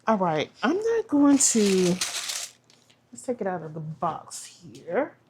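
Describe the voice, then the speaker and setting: A woman's voice: medium pitch, sing-song, slow pace, background noise. A woman chatting casually as she unboxes a planner subscription box, trailing off and restarting, and saying "y'all". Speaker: planner vlogger.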